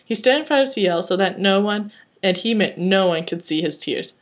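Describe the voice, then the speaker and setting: A woman's voice: medium pitch, lively intonation, moderate pace. A woman reading fanfiction aloud, breaking off into chatty, wry commentary. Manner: chatty, rambling asides, wry. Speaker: reader.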